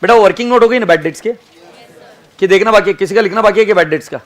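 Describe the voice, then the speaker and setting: An Indian man teaching an accounting class, switching between English and Hindi, with a lively sing-song intonation and drawn-out words for emphasis. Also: high voice. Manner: mixes English into Hindi, calls students "beta". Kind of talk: classroom lecture.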